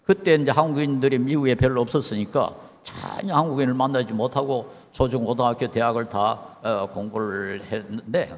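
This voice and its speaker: An older man, a professor, giving a measured lecture and asking his audience rhetorical questions. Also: medium pitch, in a large hall. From Korea.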